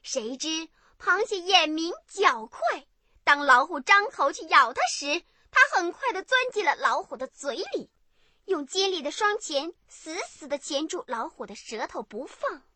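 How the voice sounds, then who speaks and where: Animated woman telling a bedtime story. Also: very high voice, measured pace, no echo.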